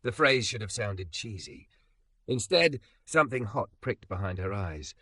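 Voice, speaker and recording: Bright-voiced male story narrator. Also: fairly low pitch, animated, measured pace, dry recording. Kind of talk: scripted narration.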